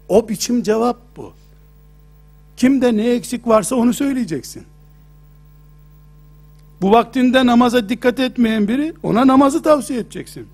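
A middle-aged man delivers a sermon-style lecture in a high voice. He speaks emphatically, asks rhetorical questions and retells old stories to make his point. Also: a little mellow. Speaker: preacher.

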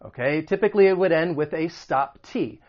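An American man teaching English pronunciation, patiently repeating example phrases slowly. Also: a little high, darkish tone, lo-fi sound. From United States. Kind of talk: explaining and demonstrating pronunciation.

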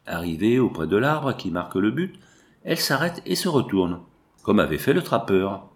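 Low-voiced male audiobook narrator. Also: big pitch swings. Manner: measured, descriptive. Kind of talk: scripted narration of a novel.

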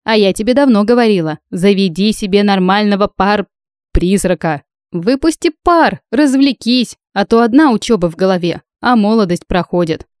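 A woman reading an audiobook, voicing a brash, teasing young female friend who talks loud and breezy. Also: medium pitch, animated, moderate pace, dry recording, studio quality, close to an everyday voice.

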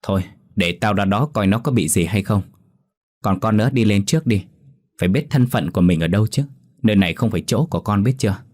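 A man's voice: lowish voice, brisk, darkish tone, natural voice. A man voicing a stern middle-aged mother of a rich household who scolds and gives orders. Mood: scolding. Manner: scolding, bossy.

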